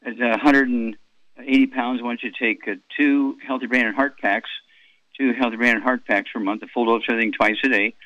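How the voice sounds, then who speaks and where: A man's voice: medium pitch, steady tone, brisk, no room sound, highs cut off. A man in his eighties hosting a call-in radio health show, rambling through product doses with many fillers and repeats. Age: 80s.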